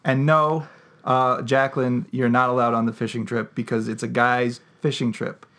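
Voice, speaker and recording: A man banters as a podcast co-host. His voice sits at a middle pitch, and his delivery is casual, wry and teasing. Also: level tone, moderate pace, a bit bright.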